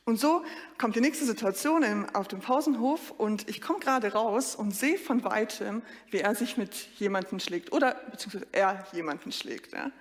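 A woman preacher giving a sermon, telling a lively story and addressing the congregation directly. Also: mid-range voice, normal speed, big-room sound.

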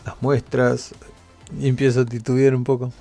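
Argentine male player, playful in-character banter, average pitch. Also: monotone, normal speed, warm tone, faint music behind. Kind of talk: playing a tabletop game.

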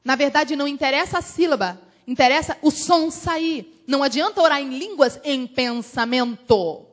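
A woman from Brazil, a missionary preaching a sermon in an animated, emphatic storytelling way. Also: high voice, normal speed.

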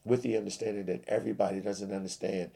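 A man with a very low voice, full of gravelly fry and a husky texture. He speaks calmly in a pleading, preacher-like cadence as he gives advice to churchgoers. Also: quick pace. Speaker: comedy sketch host giving church advice. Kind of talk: comedic sketch, then preachy advice.

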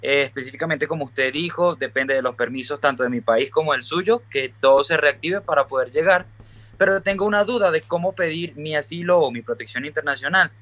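A man's voice: fairly high pitch, a little fast, fairly bright tone. A man from Venezuela, calling into a live stream over a video call, polite and a little hesitant. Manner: polite, hesitant, many fillers. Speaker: caller. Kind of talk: caller asking a question on a live stream.

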